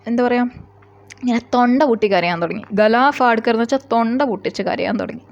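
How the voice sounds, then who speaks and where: A woman teacher from Kerala. She reads a story line by line, slowly, then explains each line quickly in a chatty way. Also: fairly high pitch, gravelly, a little mellow, dull audio.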